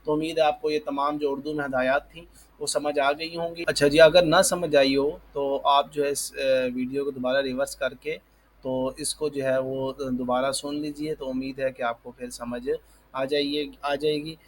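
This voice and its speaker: A man with a Pakistani Urdu accent, a Quran teacher giving a patient recorded lesson, explaining slowly and repeating each term to check understanding. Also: mid-range voice, little pitch movement, a little hiss or hum, rough recording.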